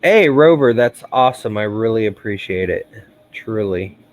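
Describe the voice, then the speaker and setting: A man's voice: lowish voice, normal speed. A tired man hosting a casual livestream, chatting loosely with a regular viewer and sighing between thoughts. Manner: relaxed, rambling, sighs often. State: tired, yawning. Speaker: livestream host.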